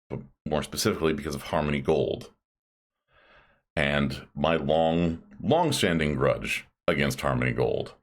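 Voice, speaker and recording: Male live streamer, deep register, very varied intonation, loose rambling casual talk. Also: a bit bright. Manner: rambling, self-described grumpy old man.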